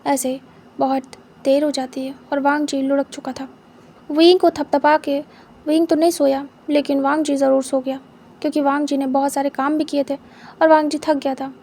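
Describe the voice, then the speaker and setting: A young woman narrating a story in a soft, unhurried, intimate way. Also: high-pitched, flat delivery. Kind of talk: story narration in Hindi with English words.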